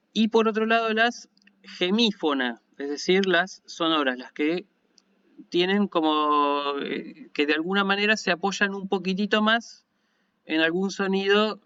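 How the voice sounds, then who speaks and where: Patiently explaining and frequently checking on his listeners, an Argentine Spanish-accented man teaches Ancient Greek at university in an online lecture. His fairly high voice is smooth and resonant with a fairly bright tone. The audio sounds dull and lo-fi.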